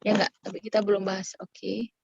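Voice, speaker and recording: A woman's voice: mid-range voice, little pitch movement, fairly quick, creaky, darkish tone, husky, highs cut off. A woman teaching a casual online Quran recitation lesson. She explains in a chatty way and keeps checking whether her students follow along.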